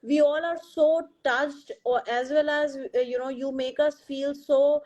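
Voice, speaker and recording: A woman's voice: high voice, steady tone, unhurried, darkish tone, muffled recording. A woman hosting a book club interview over a video call, effusive and loose, leaning on fillers and restarts. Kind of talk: casual interview chat.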